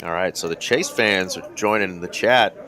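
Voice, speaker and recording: A man's voice: deep voice, moderate pace. Chatty male poker color commentator. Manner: relaxed, chatty, reads viewer comments. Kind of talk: live poker stream commentary. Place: poker card room broadcast desk.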